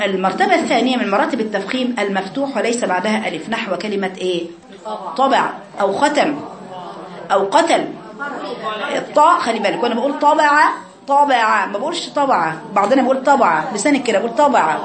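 A woman's voice: on the high side, roomy sound. A woman with an Egyptian Arabic accent teaching a recitation class, repeating syllables to show sounds and correcting her students. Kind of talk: classroom lesson on tajweed.

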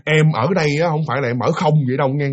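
A man voicing his frightened middle-aged mother, pleading in a soft, hushed voice. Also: a little high, racing, dull audio, natural voice.

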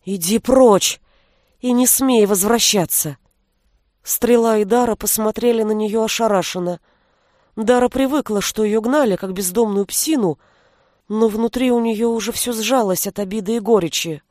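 A woman narrating an audiobook in a steady, even storytelling voice. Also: a little high, moderate pace, dry recording, clean studio sound. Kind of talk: scripted narration.

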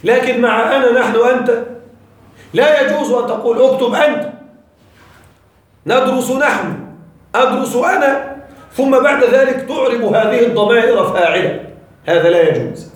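Guy teaching grammar, high voice, lots of echo, keeps asking if everyone gets it. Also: fairly quick. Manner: checks often that students follow, repeats key points. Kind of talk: classroom grammar lesson. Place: classroom with students. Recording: very echoey room, voice far from the mic.

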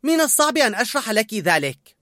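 A man's voice: sits high, big pitch swings, fast, bright, forceful tone, no room sound, studio quality, pitched above the performer's own voice, exaggerated voice. A man voicing a flustered, clumsy young male cook who talks nervously. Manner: nervous, apologetic.

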